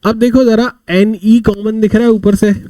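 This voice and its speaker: A man's voice: sits high, little pitch movement, unhurried, warm tone, no room sound. A man teaching a vocabulary class, telling little stories to explain words and asking and answering his own questions. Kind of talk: live online vocabulary class.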